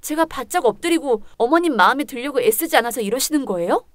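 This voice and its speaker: A woman's voice: high voice, expressive, fast talker, no echo, studio quality. A woman playing a firm, hurt pregnant wife. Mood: restrained. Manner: restrained, firm, polite. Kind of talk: dramatized story reading.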